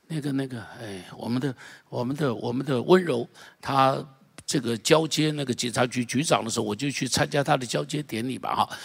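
A man pastor preaching a sermon in an animated way, leading the congregation in repeating phrases. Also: mid-range voice, creaky, slightly rough.

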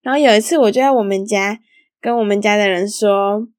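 A woman's voice: medium pitch, a little fast, a little mellow, no echo, clean studio sound. A young woman hosting a solo podcast, telling stories in a chatty, giggly way with lots of casual fillers. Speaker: podcast host.

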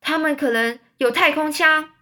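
A woman voicing a loud, alarmed middle-aged police chief in a children's story reading. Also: high-pitched, normal speed, pitched above the performer's own voice. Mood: alarmed shouting. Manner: shouting, alarmed.

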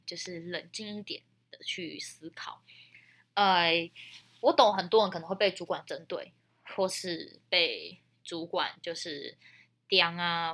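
Bright, forceful young Taiwanese Mandarin woman podcaster. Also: lowish voice. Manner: chatty, colloquial, emphatic. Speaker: podcast host. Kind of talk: casual storytelling with friendly advice.

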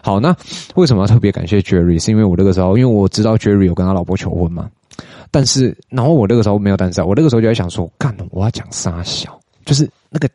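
A young man with a Taiwanese Mandarin accent hosting a podcast, chatting casually and getting animated as he retells a story, with slangy asides. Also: lowish voice, racing, dry recording, clean studio sound. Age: young adult. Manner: chatty, animated when retelling, mixes in English words and Taiwanese swearing. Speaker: podcast host.

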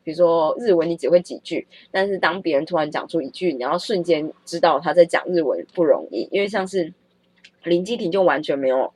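A woman with a cold tells a story in a vlog, her voice husky and a bit breathy. Her pitch swings widely as she talks, and she laughs easily between lines. The sound is dry and close, with almost no room around it. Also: fairly quick, no room sound. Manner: animated, laughs often while telling the story. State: has a cold. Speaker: vlogger.

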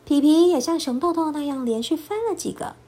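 A woman storyteller narrating a children's storybook in an expressive, lilting voice. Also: sits high. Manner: expressive, lilting, slow and clear.

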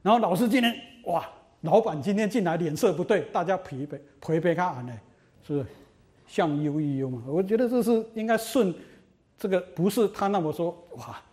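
A middle-aged university lecturer with a mellow, somewhat high voice. He tells old stories with lively asides and keeps asking the students rhetorical questions. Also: fairly quick. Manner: animated storytelling, rhetorical questions.

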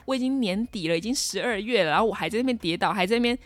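Fast-talking young Taiwanese woman telling a story. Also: mid-range voice, animated, no room sound. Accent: Taiwanese Mandarin. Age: 20s. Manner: dramatic, exclaiming, lots of fillers. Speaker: podcast host. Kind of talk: casual storytelling monologue.

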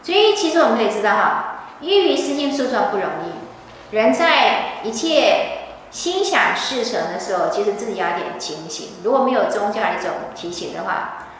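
A woman's voice: on the high side, expressive, normal speed, slight background noise. A woman giving a scripture lecture, telling the story animatedly. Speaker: religious teacher. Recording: echoey hall from far off.

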